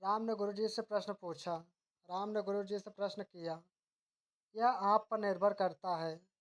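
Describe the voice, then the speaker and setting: In a medium-pitched voice, a woman teaching grammar moves evenly through a drill, giving the wrong sentence first and then the fixed one. Occasionally she breaks off partway to amend a word.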